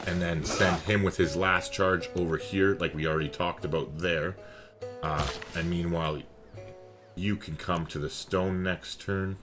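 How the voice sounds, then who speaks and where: A man giving casual, enthusiastic strategy game commentary, chatty and swearing freely. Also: sits low.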